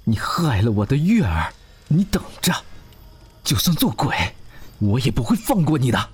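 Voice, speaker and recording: A man's voice: mid-range voice, sing-song, moderate pace, darkish tone, slightly rough. A man voicing an enraged, vengeful man in an audio drama, cursing his tormentor. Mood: raging.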